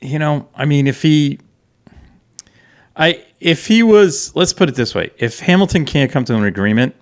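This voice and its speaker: A man co-hosting a casual motorsport podcast, talking in an animated, rambling way with many restarts. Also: fairly high pitch, normal speed. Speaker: podcast co-host.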